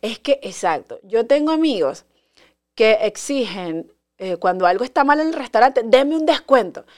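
Chatty woman, higher voice. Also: big pitch swings, normal speed, a little mellow. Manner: chatty and confiding, reads friends' messages aloud. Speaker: podcast host. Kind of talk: casual solo podcast chat.

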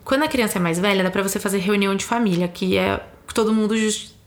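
A woman's voice: mid-range voice, fast. A young adult woman with a Brazilian accent, a mother in a casual chat who explains thoughtfully and acts out what she tells her small child. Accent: Brazilian Portuguese. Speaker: mother discussing parenting.

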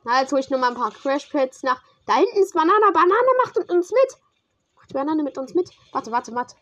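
Excitable high-voiced young woman gamer. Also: brisk, dull audio. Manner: excitable, slangy, talks to a teammate while playing. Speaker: gamer streamer. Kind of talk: casual gaming commentary.

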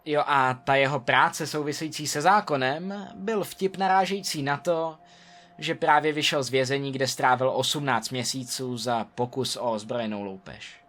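A man reading first-person stories aloud in a lively, animated storytelling manner. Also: medium pitch.

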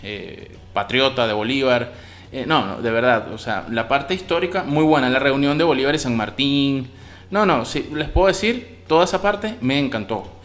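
A man's voice: mid-range voice, lively intonation, moderate pace, fairly bright tone. A man with a Venezuelan accent talks through a series review in a loose, chatty way. He drops slang freely and sounds keen on what he liked, often trailing off and restarting words mid-thought. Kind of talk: casual spoken review.

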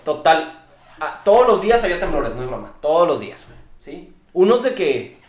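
A young man with a Mexican accent, telling a story as a guest in casual podcast chat, animated and full of slang. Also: on the high side, a little fast, reverberant. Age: young adult.

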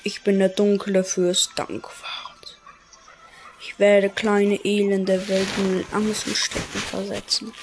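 A woman reading out a gloating male dark lord villain in a video game, with a whispery, drawn-out delivery. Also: medium pitch, monotone, natural voice. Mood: menacing. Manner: whispery, drawn-out evil laugh.

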